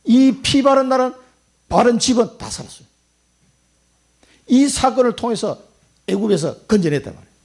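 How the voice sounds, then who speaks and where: A male pastor preaching a sermon dramatically, acting out quoted voices and swinging between loud bursts and hushed asides. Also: high voice, creaky, breathy edge.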